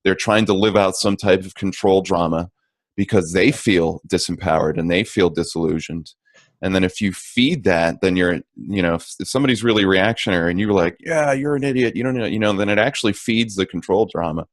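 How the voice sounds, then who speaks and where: A man's voice: low-pitched, brisk, no echo, studio quality. A man talking as a guest in an interview, reflective and thoughtful, often restarting his sentences. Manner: reflective, with many restarts and fillers. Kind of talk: casual interview chat.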